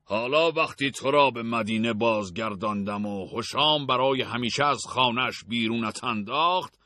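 A man's voice: medium pitch, pushed and bright, no echo, close to an everyday voice. A man voicing a cruel, mocking caravan master in an audiobook, with a sneering, taunting delivery. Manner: sneering, taunting, laughs at others. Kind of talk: audiobook character voice.

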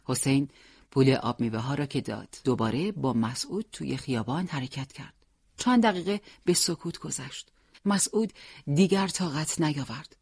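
A narrator reading a story aloud in a measured, expressive way. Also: medium pitch, breathy edge. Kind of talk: scripted audiobook narration.

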